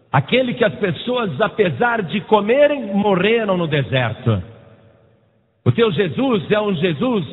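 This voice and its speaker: Brazilian man, pastor's sermon, emphatic repeated phrases, high voice, tinny phone-like sound. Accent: Brazilian Portuguese. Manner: preaching with rising emphatic lists, then dropping low and slow. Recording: echoey hall over a tinny lo-fi line.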